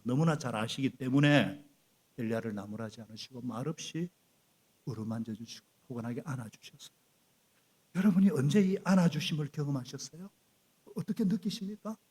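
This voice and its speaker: A middle-aged male pastor preaching a sermon in a church, animated and prompting the congregation to repeat after him. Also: on the high side, breathy edge. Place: church sanctuary.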